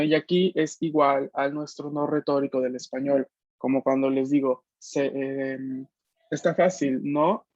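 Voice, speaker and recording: A man with a fairly high voice teaches an online language class, explaining step by step and checking that everyone follows. The sound is dry and slightly dull, like a video call. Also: darkish tone, no echo. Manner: patient, explanatory, checks understanding often.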